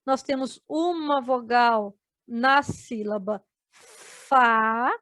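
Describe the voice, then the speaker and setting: In this video lesson for adult learners, the Brazilian teacher patiently sounds out each word one syllable at a time, with a Brazilian Portuguese accent. Her voice is fairly high and a bit bright, and there's no echo.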